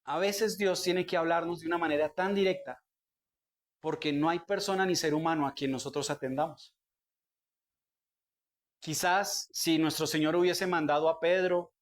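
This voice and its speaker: Young male pastor, fairly high voice, preaching with pointed questions to the room. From Colombia. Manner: preaching with direct questions to the congregation. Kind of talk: sermon.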